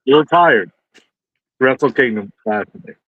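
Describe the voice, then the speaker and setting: A man's voice: mid-range voice, expressive, slow pace, a bit bright, dry recording. A man calling in as a remote guest over a patchy, breaking-up connection, chatting casually and stumbling over his words. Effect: patchy, breaking-up remote call audio. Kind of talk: casual chat. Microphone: remote call mic. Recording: dull, lo-fi remote call line with background noise.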